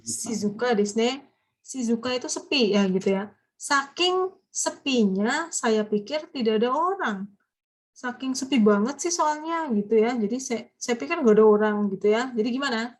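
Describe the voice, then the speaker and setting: A woman teaching a grammar class, patiently explaining and quizzing her students with drawn-out prompts. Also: a little high, lively intonation. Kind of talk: live class lesson.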